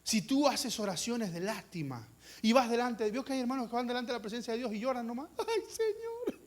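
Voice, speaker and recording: A man's voice: extremely high pitch, fast. A male pastor preaching a sermon with passion, asking the congregation questions and acting out voices. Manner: impassioned, acts out voices, rhetorical questions.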